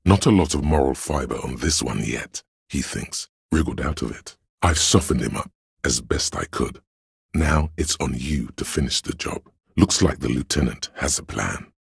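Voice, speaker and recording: Here a man performs a video game's grave, all-seeing inner voice of police brotherhood, with solemn, measured, literary narration and a gravelly, husky delivery. His pitch is extremely low, expressive and exaggerated, setting a brooding, measured mood. The sound is clean studio audio with no room tone.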